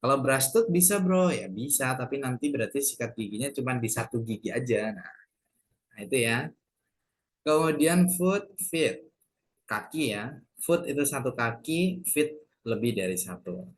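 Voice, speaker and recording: A man teaching an English grammar lesson to a class, explaining slowly and patiently with casual asides. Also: mid-range voice, animated, poor audio.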